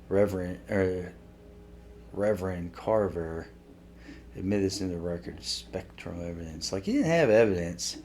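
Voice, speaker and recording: A man with a fairly low voice plays a video game and talks through it casually. He speculates and reasons aloud, with some noise behind him. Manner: thinks out loud, speculating. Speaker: video game let's player. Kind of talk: casual gameplay commentary with reading aloud.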